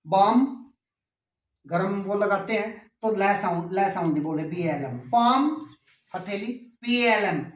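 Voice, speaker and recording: A man's voice: high voice, slow. A male English teacher giving a classroom pronunciation lesson, patiently repeating words and spelling them out letter by letter. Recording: roomy, distant mic.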